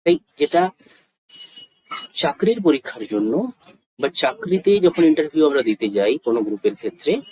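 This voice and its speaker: A male teacher with a Bengali accent explains a spoken English lesson, his voice slightly husky and breathy. He slows right down for each English example sentence. The sound is dry and close, with no room echo. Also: fairly high pitch, big pitch swings, a little mellow. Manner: speaks English example sentences very slowly and deliberately.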